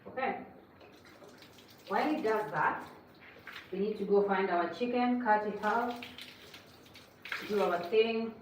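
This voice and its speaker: A woman's voice: mid-range voice, slow, long pauses, slight background noise. A woman hosting a cooking livestream, chatting casually and lecturing viewers as she cooks. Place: home kitchen. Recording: echoey kitchen, mic at a distance.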